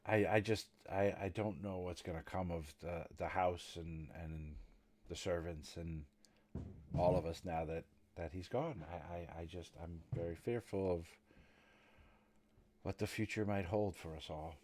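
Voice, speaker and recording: A man's voice: sits low, steady tone, a little mellow. A man voicing an anxious grieving servant woman. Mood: fearful, hesitant. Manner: hesitant, halting speech.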